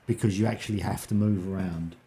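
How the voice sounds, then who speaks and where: A man's voice: deep voice, steady tone, quick pace, gravelly, dark tone. A man chatting casually with friends and viewers on a game stream.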